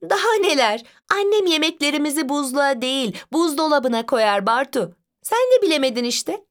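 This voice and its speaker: A woman voicing a confident young girl who is a big sister, with high, bright, quick retorts. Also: very animated. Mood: teasing.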